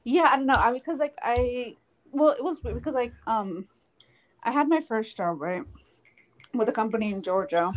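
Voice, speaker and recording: A young woman co-hosting a podcast in casual chat, talking quickly with lots of fillers and frequent giggles. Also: on the high side. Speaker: podcast co-host.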